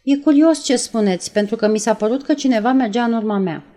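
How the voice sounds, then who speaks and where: A woman reading aloud and voicing a nervous young woman who retells events in a breathless, halting way. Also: a little high, warm tone, close to an everyday voice. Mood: shaken. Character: nervous young woman, shaken after a shooting.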